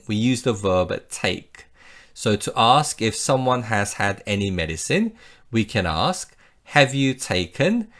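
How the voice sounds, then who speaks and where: In a slow, scripted English lesson, a man patiently explains phrases and models example sentences for the listener to repeat. His voice is fairly low-pitched and a bit bright.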